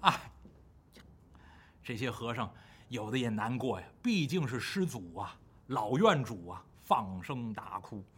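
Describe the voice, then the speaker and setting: A man telling a classic tale in the traditional Chinese storytelling style, animated, dramatic and rhythmic. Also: medium pitch, unhurried, pauses often, slightly rough.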